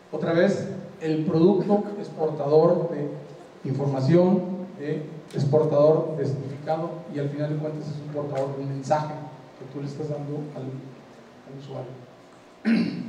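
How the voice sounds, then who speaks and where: With a warm voice on the high side, an older man with a Mexican Spanish accent talks conversationally through a design lecture at a conference, often asking whether the audience follows. A handheld mic captures him in a large hall with seated people, with roomy echo from far away and a little hiss or hum.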